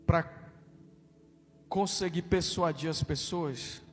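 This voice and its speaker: A male pastor with a Brazilian Portuguese accent, preaching a sermon in a naturally loud, emphatic voice and calling out to his congregation. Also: on the high side, slow. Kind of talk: sermon with declared prayer. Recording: reverberant hall with faint music.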